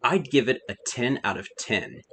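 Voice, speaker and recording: A man's voice: medium pitch, lively intonation, moderate pace, pushed and bright, a little hiss or hum. A man reading a scripted review as a narrator.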